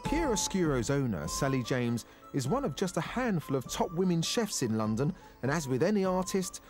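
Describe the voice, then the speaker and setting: A man's voice: a little high, very animated, moderate pace, over music. A man presenting a food show, narrating with a playful, theatrical delivery and chatting with guests.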